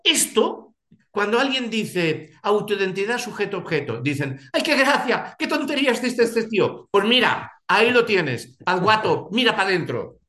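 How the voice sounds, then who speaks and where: A man's voice: a little high, a bit bright. Man explaining philosophy, echoey room. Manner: thinks aloud, many restarts and rhetorical questions. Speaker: seminar leader.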